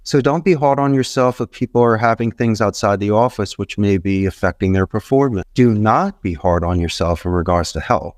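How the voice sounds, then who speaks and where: In an interview, a middle-aged man from Philadelphia who runs a call center offers rambling, emphatic motivational business advice full of repeated phrases as a podcast guest. His fairly low voice moves at a moderate pace with few pauses. The recording is dry and studio quality.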